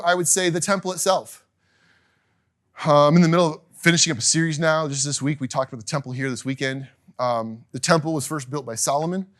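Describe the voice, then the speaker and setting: A middle-aged man teaching a casual class, chatty and animated, acting out little quotes and laughing now and then. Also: medium pitch.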